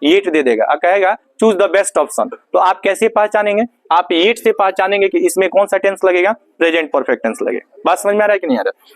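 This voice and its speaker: A man's voice: sits high, expressive, a little fast, no room sound. A male Hindi-speaking teacher with a Bihari accent, giving a classroom grammar lesson, asking questions and answering them himself. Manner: asks questions and answers them himself, repeats key words.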